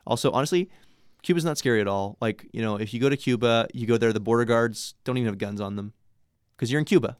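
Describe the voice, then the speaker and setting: A man's voice: medium pitch, fast, a little mellow, smooth, no echo, studio quality. A young man chatting casually and rambling in a laid-back way, swearing now and then. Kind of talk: casual chat.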